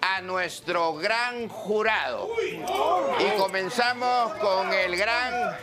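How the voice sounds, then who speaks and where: Silly clown-voiced TV host, Peruvian accent, high pitch, slow showman delivery, loud music behind. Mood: showy, jovial. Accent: Peruvian Spanish. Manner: exclaiming, drawn-out showman announcing. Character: silly male TV cooking show host with clown voice. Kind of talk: parody game show presenting. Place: TV studio kitchen set.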